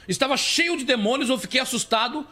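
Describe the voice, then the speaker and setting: A man's voice: extremely high pitch, brisk, pushed and bright, soft background music. A man preaching as a bishop in a live-streamed testimony, talking with repetitive, stammering restarts.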